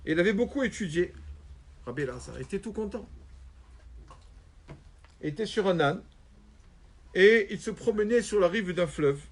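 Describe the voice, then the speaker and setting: A rabbi telling a story in a religious lesson, animated and acting out quoted voices. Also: male voice, sits high, moderate pace, pauses often.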